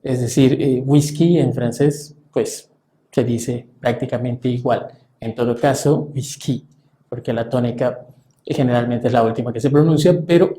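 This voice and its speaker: A man explains letter sounds to a class in a steady, measured way, pausing often on fillers. His voice is mellow, and the room gives it a noticeable echo. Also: medium pitch. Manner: measured, halting with frequent fillers. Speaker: French teacher.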